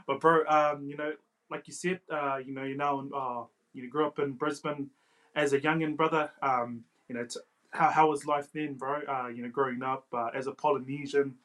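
A man's voice: mid-range voice, steady tone, moderate pace, fairly bright tone, poor audio. A man hosting an unscripted podcast interview in a hesitant, informal way, often saying bro and you know. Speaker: podcast host.

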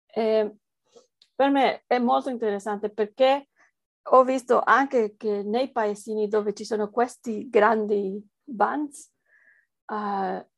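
Slow, creaky-voiced woman with foreign-accented Italian. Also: mid-range voice, steady tone, no echo. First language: not Italian, speaks it as a foreign language. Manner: hesitant, searching for words in a non-native language. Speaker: interviewed researcher. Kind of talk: conversational interview answers.

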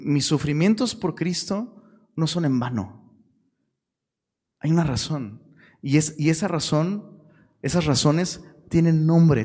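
A man with a Mexican accent preaching a casual, slangy Bible-study sermon, switching between quick asides and bursts of shouted emphasis. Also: on the high side, breathy edge, long reverb tail. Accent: Mexican Spanish.

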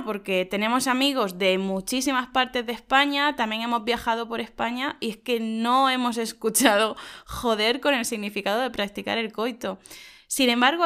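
A woman from Spain, co-hosting a lesson and explaining slang to learners in a lively, emphatic way. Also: on the high side, clean tone. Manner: lively, emphatic, laughs often. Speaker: Spanish teacher and co-host.

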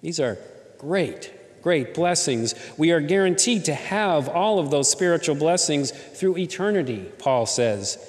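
Male pastor, slightly high voice, chatty sermon delivery with rhetorical questions, long hall reverb. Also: expressive, unhurried. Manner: conversational preaching with rhetorical questions. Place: church in Southern California.

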